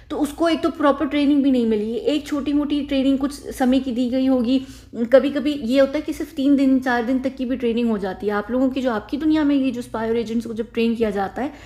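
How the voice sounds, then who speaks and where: A woman talking to her viewers in casual spoken commentary, explaining her points chattily, often restarting her sentences and checking in with a quick "okay". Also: fairly high pitch, warm tone. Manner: frequent self-corrections and restarts. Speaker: video commentator.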